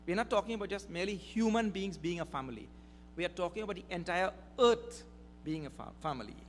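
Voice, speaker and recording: A man giving a spiritual discourse at a mission gathering, slow and deliberate, stressing key words. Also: high voice, expressive. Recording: reverberant hall with faint hum.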